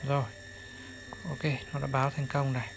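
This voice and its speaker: A courteous host walks viewers through an app on screen, one step at a time, pointing at each button as it comes up. The voice sits at a middle pitch, and a clear, steady hiss runs under the recording. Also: normal speed. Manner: polite, addresses viewers formally, ends steps with "này". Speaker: channel host. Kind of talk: step-by-step screen tutorial narration. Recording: clear steady background noise.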